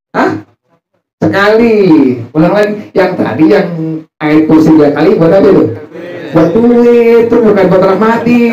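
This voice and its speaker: A man's voice: fairly high pitch, mellow. A man teaching a religious study group in a casual, joking way, often putting questions to his listeners and answering them himself. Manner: jokey, asks the audience questions and answers himself. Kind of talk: informal religious study sermon. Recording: roomy, distant, muffled, faint music.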